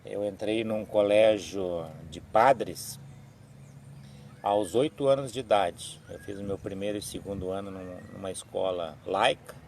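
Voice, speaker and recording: A man, giving a slow, halting religious reflection on a live stream, with frequent restarts and tag questions. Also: lowish voice, vocal fry, darkish tone, slight background noise. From southern Brazil. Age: 60s. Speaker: evangelical live-stream speaker.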